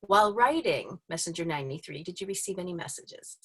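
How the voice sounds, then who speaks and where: A woman's voice: lowish voice, lively intonation, a little fast, breathy edge. A woman hosting a virtual book launch over a video call, reading out audience questions in an upbeat, chatty way. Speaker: host.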